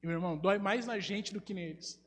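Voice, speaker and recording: A man's voice: sits high, fast. A man, preaching a sermon as pastor and putting rhetorical questions to his congregation. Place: church hall. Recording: live church stream with long reverb and faint hum.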